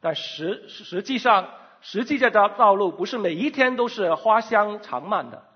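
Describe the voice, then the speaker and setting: A man's voice: sits high, lively intonation, normal speed, slightly rough. A man interpreting a sermon live, delivering it in short echoed phrases. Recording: dull, reverberant hall sound.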